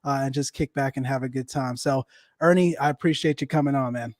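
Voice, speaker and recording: A man hosting a flight sim podcast, speaking in a relaxed, welcoming way with many fillers. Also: mid-range voice, a little fast, no echo, clean studio sound. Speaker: podcast host. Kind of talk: casual podcast interview.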